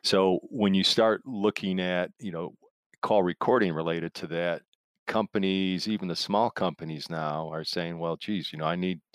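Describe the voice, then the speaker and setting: Speaking as an expert guest in an interview, a man with a deep voice explains things conversationally at a moderate pace. He rambles and leans on analogies and imagined quotes to make his points. The recording is clean studio sound with a clean tone and no echo.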